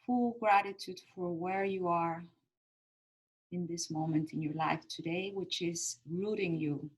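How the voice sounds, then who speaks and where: A woman meditation guide speaks in a slightly low voice at a very slow pace. She leads a calm grounding exercise with gentle, soothing instructions. Her short phrases are set apart by pauses. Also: rough recording.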